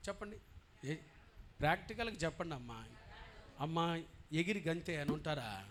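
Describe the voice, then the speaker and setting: A man preaching as a pastor, asking his congregation questions and moving between quiet talk and loud preaching. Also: on the high side, animated, moderate pace, a little hiss or hum. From India. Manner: swings from quiet, conversational asides to loud, impassioned preaching; asks the congregation questions directly. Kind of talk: sermon. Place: church.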